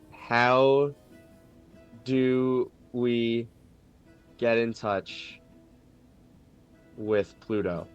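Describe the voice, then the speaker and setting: A man voicing a male adventurer who sends a short magic message, choosing each word slowly and carefully. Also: medium pitch, clear, resonant tone, muffled recording. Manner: slow, careful wording.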